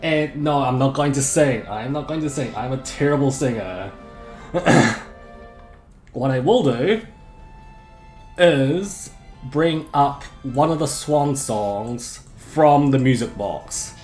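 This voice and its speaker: On a casual live game stream, a man with a sore throat talks slowly in a mid-range voice, chatty and rambling, frequently correcting himself mid-sentence. He sounds plain, monotonous and droning, and the room echoes with faint background music.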